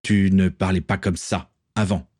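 A man's voice: deep voice, steady tone, measured pace, a little mellow, dry recording, studio quality. A man reading aloud, voicing a stern aristocratic father who questions his son reproachfully, in a storybook reading.

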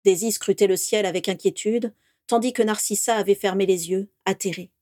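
Woman narrator, scripted fantasy audiobook, expressive storytelling, mid pitch, dry close sound. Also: brisk, no room sound.

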